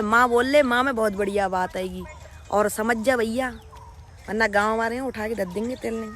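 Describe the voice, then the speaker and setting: A young woman with a rural western Uttar Pradesh accent, from Badaun, answers her viewers' comments in a casual vlog. Her voice sits high and sounds bright and sharp. She scolds and mocks her commenters bluntly, with plenty of sarcasm. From Badaun, Uttar Pradesh, India. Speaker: vlogger reading viewer comments.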